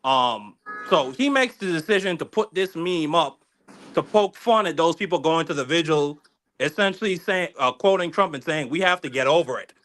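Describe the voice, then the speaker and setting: Bright-voiced man ranting on politics. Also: a little high, moderate pace. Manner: animated, profane, many fillers and restarts. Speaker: host. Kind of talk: casual political commentary.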